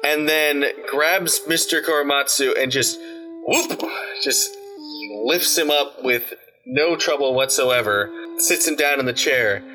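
Casual game master, man, meandering narration, bright voice. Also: mid-range voice, measured pace, soft background music. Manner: rambling, filler-heavy.

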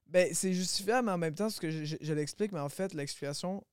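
Clear-voiced rapper guest, fairly high. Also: male voice, quick pace, no room sound, studio quality. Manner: reflective and animated, laughs often. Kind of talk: casual podcast conversation.

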